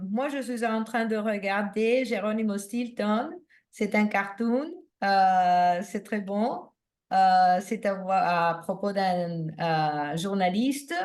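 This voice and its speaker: A woman student answering in a video call, hesitant with many filler pauses. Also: mid-range voice.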